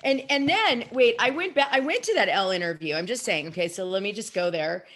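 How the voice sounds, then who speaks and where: A woman hosting a casual podcast chat, blunt and animated, often swearing. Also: medium pitch, brisk.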